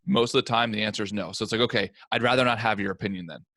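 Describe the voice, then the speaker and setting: A man's voice: fairly low pitch, rapid-fire, a bit bright, dry recording. A man hosting a podcast, talking in a casual, earnest and emphatic way. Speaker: podcast host.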